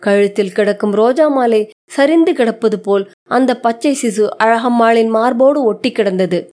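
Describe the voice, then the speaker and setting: A woman narrating a short story in a measured, expressive reading. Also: a little high.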